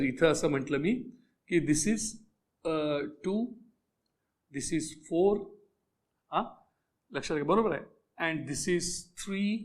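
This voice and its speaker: High-voiced man teaching math slowly. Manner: switches between Marathi and English, repeats key phrases; keeps checking that students follow. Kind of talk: classroom lesson explanation.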